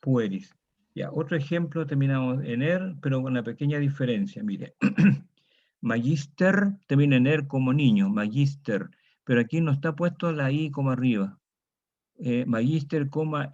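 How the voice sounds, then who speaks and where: A man's voice: mid-range voice, darkish tone. A man teaching a Latin grammar lesson, patiently drilling students through declensions and checking in with them often. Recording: dull lo-fi recording.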